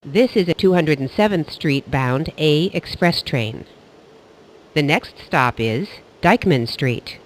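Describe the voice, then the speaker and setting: A man's voice: fairly high pitch, expressive, slow, low-quality recording. A man reading a scripted train station announcement, recorded with some train noise behind him.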